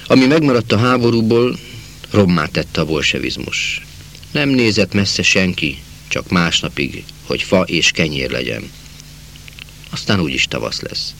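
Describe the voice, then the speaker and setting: Deep-voiced man reading a novel. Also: lively intonation, gravelly, slight background noise. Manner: measured, slowing for quiet passages. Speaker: audiobook narrator.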